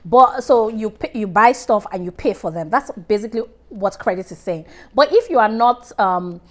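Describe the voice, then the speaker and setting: A woman's voice: mid-range voice, expressive, moderate pace. A woman giving casual money advice to camera in a direct, chatty way, often restarting her sentences and calling on viewers by name. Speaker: personal finance vlogger.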